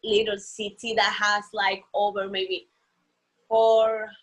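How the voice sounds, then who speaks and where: A woman's voice: medium pitch, level tone, slow. A woman from the Dominican Republic speaking English with a Dominican Spanish accent, chatting casually as an interview guest over a video call, leaning on "you know" and "like.". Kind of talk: casual chat. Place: San Pedro de Macorís.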